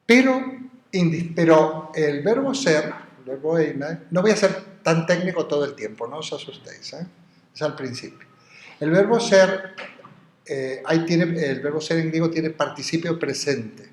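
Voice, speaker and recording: A man's voice: a little high, animated. Man lecturing in an echoey classroom. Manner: digressive, explains Greek terms slowly, spells words out. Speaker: philosophy lecturer. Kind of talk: university lecture. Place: university classroom.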